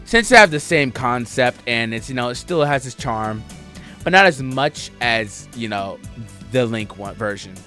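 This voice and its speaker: Bright-voiced young man ranking games. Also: mid-range voice, unhurried, faint music behind. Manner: excitable, joking, talks straight to viewers. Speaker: gaming YouTuber. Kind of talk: casual tier-list commentary.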